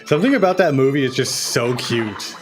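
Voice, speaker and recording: A man's voice: medium pitch, expressive, brisk. Chatty, laid-back young man streaming. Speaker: gaming streamer. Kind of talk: casual gameplay commentary. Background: game music.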